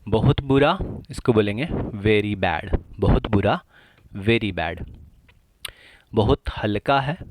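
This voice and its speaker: A man with an Indian accent runs a spoken English lesson in a low, steady voice. He goes very slowly, saying each phrase twice and stretching the words for practice. The sound is close and dry, with no room around it. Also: no room sound. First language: Hindi. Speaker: English teacher.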